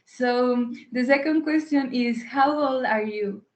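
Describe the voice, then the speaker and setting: A woman's voice: sits high, slow pace. A young woman asking a guest interview questions in a careful, friendly way. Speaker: interviewer from a youth group. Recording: dull lo-fi call audio.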